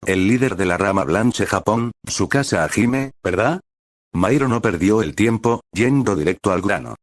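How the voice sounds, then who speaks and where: A man reading a story as narrator in an even, steady way. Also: fairly low pitch, moderate pace, no room sound, clean studio sound.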